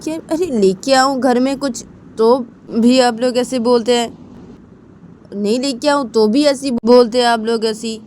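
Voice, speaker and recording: A woman voicing an irritable, tomboyish young woman who talks in masculine forms, loud and snappy. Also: expressive, normal speed, pauses often, slight background noise, close to an everyday voice. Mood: irritated. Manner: snappy, raised pitch and loud.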